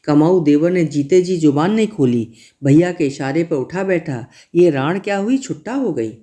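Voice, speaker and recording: A spiteful village sister-in-law taunts with sharp words in a storybook reading, voiced by a man. The voice is lifted in pitch with a soft, mellow timbre. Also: animated, normal speed, lightly acted.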